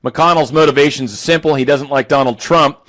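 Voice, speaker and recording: A man's voice: a little high, a little fast, a bit bright. A man hosting casual political commentary, reading headlines aloud and riffing on them sarcastically. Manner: sarcastic, reads quotes aloud and riffs on them.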